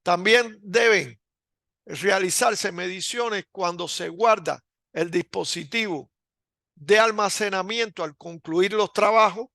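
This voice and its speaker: Man, recorded lecture, slow hesitant delivery, bright tone, dry close sound. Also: high voice, vocal fry, no echo. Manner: slow and deliberate with frequent hesitations.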